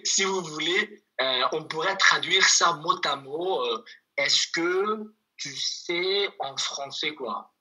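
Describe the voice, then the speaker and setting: A language teacher giving an online lesson over a video call, patiently repeating words slowly for students. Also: mid-range voice, bright, forceful tone, low-quality recording.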